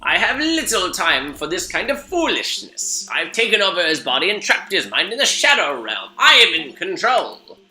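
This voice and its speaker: Brief: man doing a mock-dramatic haughty villain, bright and roomy. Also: sits high, huge pitch swings, normal speed, few pauses, faint music behind, voice pushed up, heavily acted. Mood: menacing. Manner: mock-dramatic, read aloud. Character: haughty male villain possessing a body.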